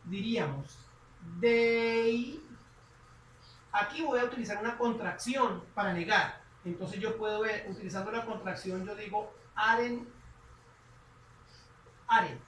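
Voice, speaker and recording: A woman teaching a grammar lesson, repeating each phrase slowly as she writes it out. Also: mid-range voice, a bit bright, recorded from a distance, slight background noise. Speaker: English teacher. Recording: echoey room, voice from off-mic.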